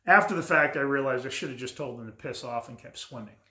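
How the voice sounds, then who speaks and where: Middle-aged male vlogger, mid-pitched, blunt and candid, recorded in a roomy space. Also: fast, sharp tone. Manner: candid and blunt, with frequent restarts. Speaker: men's coach and vlogger. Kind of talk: casual reflective monologue to camera. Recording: roomy echo.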